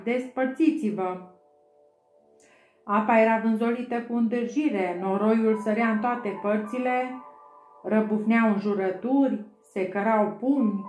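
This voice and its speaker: A woman narrating an audiobook in a steady storytelling manner. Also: fairly high pitch. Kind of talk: scripted narration. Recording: roomy echo, faint music.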